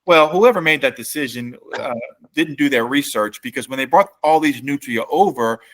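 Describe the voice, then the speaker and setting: A middle-aged company CEO from New Orleans, Louisiana, guests on a casual podcast interview, telling stories in an easygoing, unhurried way. His pitch is an ordinary middle range, and he uses many fillers, often stopping to restart a thought.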